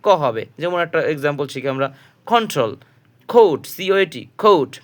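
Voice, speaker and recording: Very animated and a little fast, a Bangladeshi Bengali-accented English teacher runs a pronunciation lesson in a slightly high voice. He patiently repeats and spells out words letter by letter, asking his class a question and supplying the answer himself.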